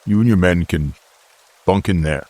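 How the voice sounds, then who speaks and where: A man's voice: deep voice, moderate pace, a little mellow, no echo, lightly acted. A man voicing a guarded, curt male farmer who is suspicious of strangers. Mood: wary.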